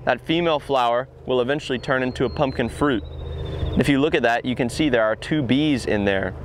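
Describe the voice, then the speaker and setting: Wearing a lapel mic, a farm educator in his twenties gives an outdoor teaching walk-through in an open farm field, handling plants as he explains each step with enthusiasm. His voice is mid-range and brisk, with slight background noise.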